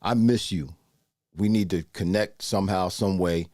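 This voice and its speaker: Chatting casually on a livestream, a host in his sixties greets his viewers by name. He has a deep, dark voice and a moderate pace, recorded at studio quality with no echo.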